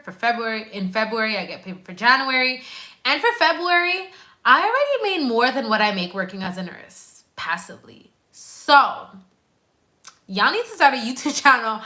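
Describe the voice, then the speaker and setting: Her voice is a little high, pushed and bright as she streams casually from the couch at home. The twenty-something nurse chats with animation, reads viewer comments aloud and speaks to her audience directly.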